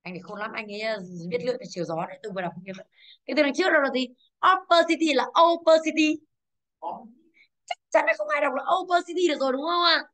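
A woman's voice: fairly high pitch, big pitch swings, racing, a bit bright. A woman teaching English to a class, quizzing pupils and drilling pronunciation. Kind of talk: classroom lesson.

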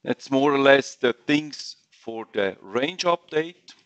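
Man trainer, slow halting webinar walkthrough, dull dry audio. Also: medium pitch, expressive, fairly bright tone, no room sound. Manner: halting non-native English with fillers and restarts. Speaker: software trainer. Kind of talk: webinar screen-share walkthrough.

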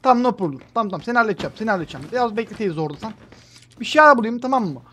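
A young man streaming gameplay, swinging between loud, profane outbursts and low mutters, and talking to his chat. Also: big pitch swings, racing, a little hiss or hum. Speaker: gaming streamer. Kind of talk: live gameplay commentary.

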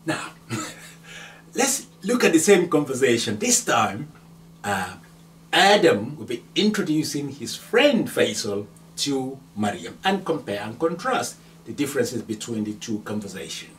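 Lively Nigerian man teaching. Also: medium pitch, distant mic. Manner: lively, repeats phrases slowly and emphatically. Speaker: Arabic teacher. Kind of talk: language lesson. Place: small indoor room by a whiteboard.

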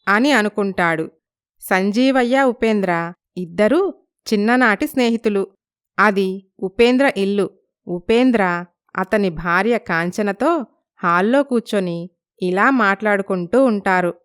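Woman with a clear storytelling voice. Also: mid-range voice, a little slow, pauses often. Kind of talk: storybook narration.

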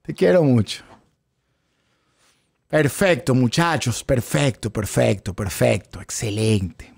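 Animated, gravelly-voiced man teaching a live class. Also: mid-range voice, takes it slowly, no echo. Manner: lively, animated, chatty with viewers, thanks super chats. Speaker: trading instructor. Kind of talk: live-streamed trading class. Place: home studio with headphones. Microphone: headphones with mic.

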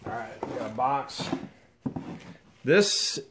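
An excited, chatty man hosting a casual unboxing vlog in a dusty garage, talking to the camera as he goes through boxes. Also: mid-range voice, takes it slowly, noisy background. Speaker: host.

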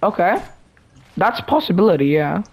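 Excitable woman hosting casual gaming chat. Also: lowish voice, moderate pace, husky, rough recording. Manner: excitable, chatty, slangy. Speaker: gaming channel host.

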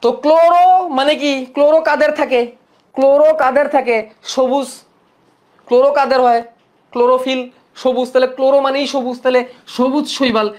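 A man's voice: extremely high pitch, steady tone, brisk. A young man from Bangladesh teaching biology for exam coaching, drilling students by asking and answering his own questions. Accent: Bangladeshi Bengali. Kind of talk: fast-paced exam coaching lecture.

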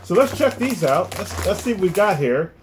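A man's voice: high-pitched, big pitch swings, normal speed. A middle-aged American man hosting a casual food review, often repeating his phrases as he goes. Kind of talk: casual chat. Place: small room indoors, at a table. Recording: clear background noise and clicks.

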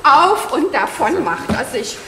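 Audience laughter rings through an echoey theater hall as an actress, cast in a stage comedy as a self-pitying, dramatic woman left by her partner, pours out a breathless, tearful gush. Her high voice swings widely in pitch and moves at an unhurried pace. The background is noisy.

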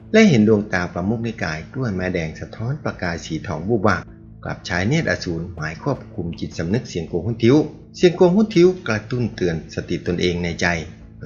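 Deep-voiced man reading a martial arts novel. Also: a little mellow. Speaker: narrator. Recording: dull lo-fi audio with faint music.

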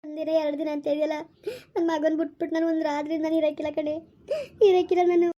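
A distraught young mother weeps over her missing little boy, played by a woman in a homemade village skit. Her voice is high and tearful, and her words pour out at a frantic pace. The sound is dull and lo-fi. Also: completely flat delivery, dark tone, lightly acted. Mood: sobbing. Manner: sobbing, pleading, rapid speech. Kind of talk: village family skit acting. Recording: dull lo-fi recording.

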